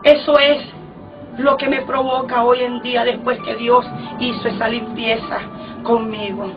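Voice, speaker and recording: A woman with a high voice preaches her testimony slowly, fervent and close to tears at times. She sounds distant from the microphone, muffled and dull, over soft background music. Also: flat delivery. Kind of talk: emotional testimony sermon.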